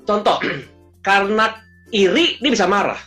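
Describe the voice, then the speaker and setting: A man who coaches emotional intelligence, explaining in an animated, conversational way and mixing English phrases into his speech. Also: sits high, measured pace, faint music behind. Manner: lively storyteller, mixes English phrases into speech.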